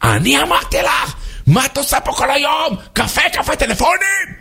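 A man voicing a hot-tempered male sales manager who yells at his staff in a raised, shouting voice. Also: very animated, creaky, heavily acted. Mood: angry. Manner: shouting, raised high pitch.

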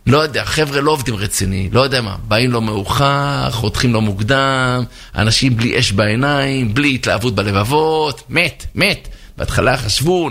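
A man, a rabbi, telling a parable in a sermon, animated, with sound effects and acted voices. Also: medium pitch, vocal fry. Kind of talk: storytelling sermon.

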